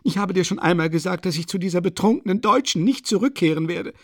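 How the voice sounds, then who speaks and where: A breathless, consumptive mother in a spoken audiobook scolds and pleads in a high, shrill rush, as a man reads her part. Her voice carries a gravelly rasp beneath the strain. The recording is close and dry. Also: expressive, fast, no echo. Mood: frantic, pleading. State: out of breath and coughing. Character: frantic impoverished widowed mother, consumptive woman. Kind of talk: audiobook character voice.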